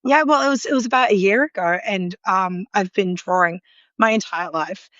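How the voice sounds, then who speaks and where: This is a casual live online interview with an Australian woman who works as a food illustrator, joining by remote call from a loud city apartment with sirens outside. She speaks in a mid-range, fairly bright voice at a moderate pace, with many ums, likes and frequent small laughs. The sound is dry and dull.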